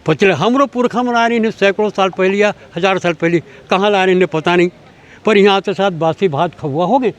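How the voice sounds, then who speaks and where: A man's voice: sits high, normal speed. An older man with a Chhattisgarhi accent, answering an interview in an emphatic, lecturing way, asking rhetorical questions as he argues. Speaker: language activist.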